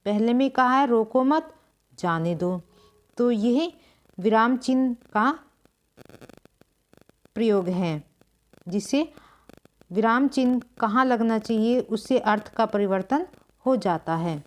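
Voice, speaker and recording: Woman teacher, slightly high voice, very slow and patient with long pauses, step-by-step grammar lesson. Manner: unhurried, explains step by step with pauses; clears throat now and then. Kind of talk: slow board-writing lesson.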